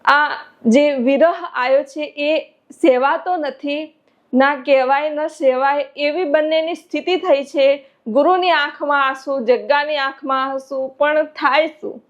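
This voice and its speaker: A woman's voice: sits high, steady tone, unhurried. A woman spiritual teacher telling a devotional story in an earnest, emotive way. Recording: dull lo-fi recording.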